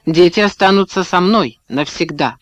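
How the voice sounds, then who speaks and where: A man's voice: sits high, normal speed, a bit bright, dry recording. A man reading a bitter, cutting young wife. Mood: cold. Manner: cold, cutting retorts.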